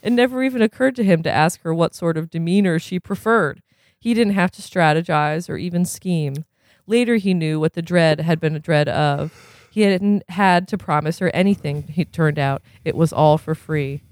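A man's voice: on the high side, moderate pace, no room sound, studio quality. A man, as a podcast host, reads a novel aloud expressively and then breaks off for casual chat full of fillers.

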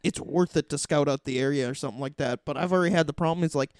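A man co-hosting a casual gaming podcast, excitable and swearing as he talks. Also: a little high, very fast, dry recording, clean studio sound. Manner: excitable, swears, laughs along. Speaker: podcast co-host.

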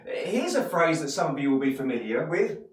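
A man's voice: on the high side, big pitch swings, a little fast. Male pastor, Essex accent, encouraging sermon delivery with rhetorical questions, distant mic in a reverberant room. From Essex, England. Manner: encouraging, addresses listeners directly with rhetorical questions and repeated phrases. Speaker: church pastor. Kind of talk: motivational sermon. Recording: echoey room, distant microphone.

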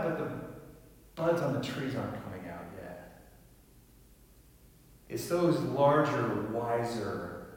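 A man preaching a sermon as pastor, gentle and reflective, often dropping to a soft, quiet voice. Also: medium pitch, slight background noise. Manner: gentle, reflective, drops to quiet near-whispers. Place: large church sanctuary. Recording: echoey hall, voice from far off.

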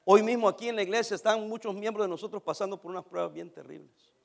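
A male pastor preaching an animated sermon, swinging from shouts down to near-whispers and acting out his church members' complaints. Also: high-pitched, fast talker, vocal fry.

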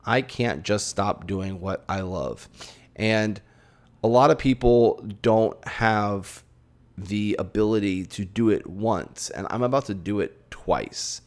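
A man's voice: fairly low pitch, slow. A tired young man talking frankly and rambling on his own podcast, swearing and restarting his sentences often. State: tired, yawning. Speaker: podcast host. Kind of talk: casual solo podcast monologue.

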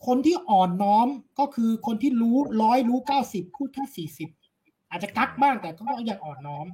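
A man's voice: high voice, very animated, a little fast, mellow. A man, a philosophy lecturer, talking bluntly and confidently with crude casual speech in an interview.

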